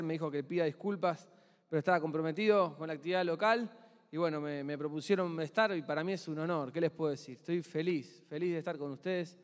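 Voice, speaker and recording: A young man with an Argentine Spanish accent and a slightly high voice preaches a conversational sermon in a church hall, where his words trail off into a long reverb tail. He keeps it chatty, putting questions to the congregation.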